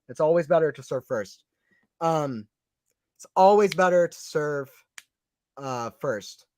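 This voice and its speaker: A man's voice: on the high side, no echo, studio quality. A young man doing casual live tennis play-by-play, chatting with viewers and reading the chat aloud. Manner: chatty, reads chat aloud, quick excited calls. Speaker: live stream commentator.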